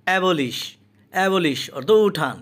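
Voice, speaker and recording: A man teaching English pronunciation, repeating each word and its meaning twice in a slow, patient explanation. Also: a little high, fairly bright tone, slightly rough. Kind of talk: spoken language lesson.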